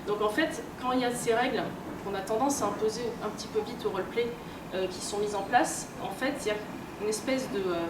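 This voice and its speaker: A researcher and editor gives an informal, explanatory lecture full of examples at a convention, speaking in a colloquial, fairly quick, medium-pitched voice. She hesitates often and corrects herself as she goes. The live recording is roomy and echoing, captured from a distance with clear background noise.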